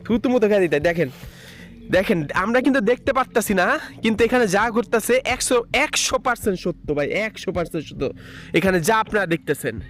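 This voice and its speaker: A man speaks in a very high, bright voice as he taunts the dead. His talk is agitated, and he keeps breaking into recited prayers in an outdoor graveyard at dusk. Faint music plays behind him. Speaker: vlogger. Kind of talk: ghost-hunting vlog.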